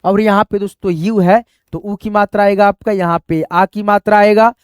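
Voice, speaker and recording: A man's voice: high-pitched, steady tone, normal speed, smooth, no echo, studio quality. A man teaching a reading lesson, patiently repeating each step and addressing viewers as friends. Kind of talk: explaining a spelling lesson.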